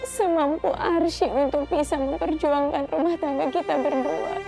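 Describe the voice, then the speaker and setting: Casting: young soap-opera wife, sorrowful yet resolute, high creaky voice, violin music underneath. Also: female voice, fairly even intonation, normal speed, warm tone. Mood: tearful resolve. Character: sorrowful young wife determined to save her marriage. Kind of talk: television soap opera acting.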